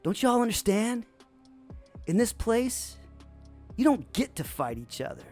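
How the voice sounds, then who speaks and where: A man voicing a stern male army drill sergeant who lectures in a low, controlled voice. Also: big pitch swings, unhurried, a little mellow, faint music behind, heavily acted.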